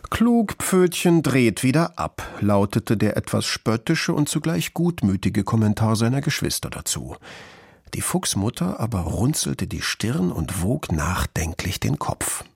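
A man narrating a children's storybook in a lively, expressive way. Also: lowish voice, a little slow, gravelly, breathy edge, dry recording, studio quality.

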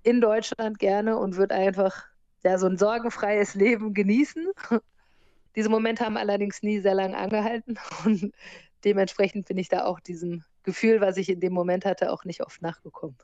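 A woman in her forties, born in America and raised in Germany, talking about her life abroad in a relaxed interview and laughing now and then. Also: medium pitch, moderate pace, no room sound, dull audio. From born in the US, grew up in Germany. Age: 40s. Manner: lively, laughs often while telling stories. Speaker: interview guest, surf instructor and hostel owner.

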